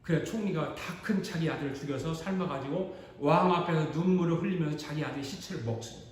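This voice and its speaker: A pastor in a church sanctuary tells a story dramatically during his sermon, animated and theatrical. His voice is fairly high for a man and he talks fast. The recording carries the echo of the church hall.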